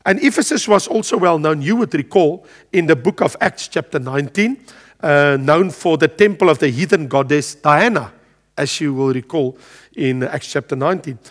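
A man in his sixties teaching a Bible study from behind a lectern, animated and gesturing, with frequent ums and uhs. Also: on the high side, normal speed, long reverb tail. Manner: animated, gestures broadly at a pulpit, frequent filler sounds. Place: studio with a world map backdrop, standing at a lectern.

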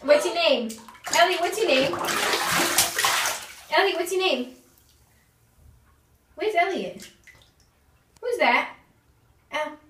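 A woman's voice: very high voice, expressive, slow, pauses often, noisy background. A mother chatting with her toddler at bath time, asking simple repeated questions in a coaxing way. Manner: coaxing, asks simple repeated questions, sings nursery rhymes. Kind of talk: casual home video chat with a toddler. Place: home bathroom at bath time.

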